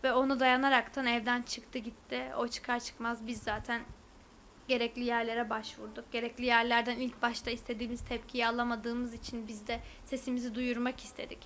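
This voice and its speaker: A woman's voice: a little high, flat delivery, a little fast, fairly bright tone, slight background noise. A young woman, a university student, giving testimony to a news camera with hesitant filler sounds. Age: young adult.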